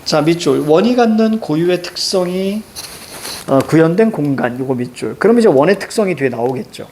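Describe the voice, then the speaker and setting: Man, teacher, lecture, frequent short prompts, slightly high voice, faint hiss. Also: animated, moderate pace, darkish tone. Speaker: Korean reading teacher. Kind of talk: classroom lecture.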